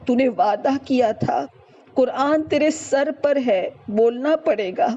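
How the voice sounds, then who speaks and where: A woman speaking as a stern old father who presses his son for the truth, his voice lowered from hers yet still fairly high and mellow. He talks in a firm, insistent way over a dull, lo-fi recording. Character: stern, grieving elderly father.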